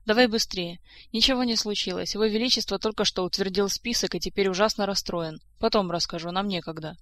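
A woman voicing a loyal young male courtier who asks quick, anxious questions. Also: mid-range voice, fairly bright tone, lightly acted.

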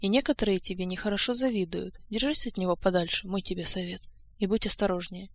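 A woman's voice: medium pitch, steady tone, quick pace, a bit bright. A woman reading the part of a frank, wary young court lady, speaking in a confiding, cautionary way. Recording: dry close-mic studio sound.

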